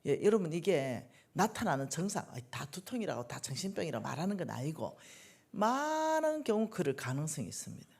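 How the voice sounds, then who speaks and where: A middle-aged woman preaching a revival sermon in a church, animated and preacherly, swinging between soft asides and loud bursts. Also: sits low, brisk, gravelly, husky. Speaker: lay minister preaching at a church revival meeting.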